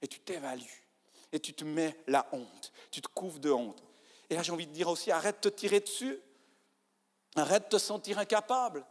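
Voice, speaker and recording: A pastor with a high voice delivers an animated sermon in a church, playing out people's inner voices and shifting between hushed and loud. The church hall's reverb is audible.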